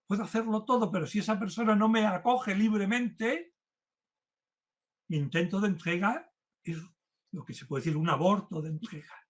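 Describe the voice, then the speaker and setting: Emphatic, fairly high-voiced male lecturer. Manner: earnest, emphatic, building intensity as he warms up. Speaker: philosophy lecturer. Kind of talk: university-style lecture. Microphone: remote talk to a virtual audience.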